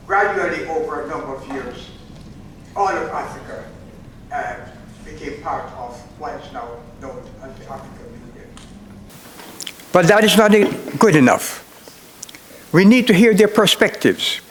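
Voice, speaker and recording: A man's voice: fairly high pitch, slight background noise. A man hosting an event, addressing the audience in an emphatic, urging public speech. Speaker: event host. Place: large event hall. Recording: roomy hall from far off.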